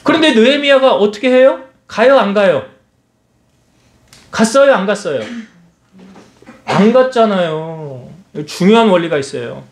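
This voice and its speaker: A male pastor preaches with a high, lively voice that swoops up and down as he fires rhetorical questions at the congregation. His voice rings out in an echoey church hall. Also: a little slow, long pauses. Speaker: senior pastor. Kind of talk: sermon.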